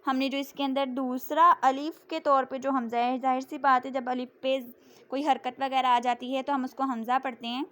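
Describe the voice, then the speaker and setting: Woman, high voice, Quran reading teacher, patient explanations, slow spelled-out recitation. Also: level tone, a bit bright. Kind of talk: step-by-step recitation lesson.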